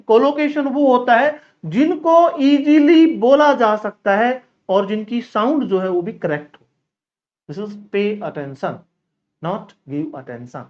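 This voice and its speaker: A man from India teaching an English lesson in Hindi, repeating example sentences slowly and addressing viewers as children. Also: high-pitched. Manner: slow, repetitive drilling of example sentences. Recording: slightly dull lo-fi recording.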